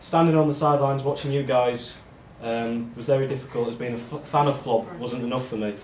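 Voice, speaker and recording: A man speaks in a flat, monotone voice, rambling and poking fun at himself as he addresses his friends. His voice sits at an ordinary middle pitch. The room is echoey, with a faint hiss of noise underneath. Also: a little fast. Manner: self-deprecating, rambling with ums. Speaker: award speech giver among friends. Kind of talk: casual speech read to friends.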